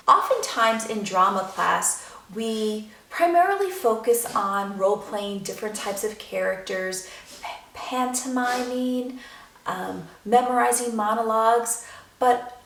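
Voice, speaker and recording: A woman drama teacher giving a clear, instructive video lesson to students. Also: a little high, a bit bright, reverberant, distant mic.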